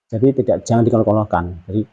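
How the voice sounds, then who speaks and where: Low husky man teaching Arabic letters. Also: mellow, lo-fi sound. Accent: Indonesian. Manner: repeats drawn-out syllables to demonstrate; patient, explanatory, uses many fillers. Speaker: Quran recitation teacher. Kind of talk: tajwid pronunciation lesson.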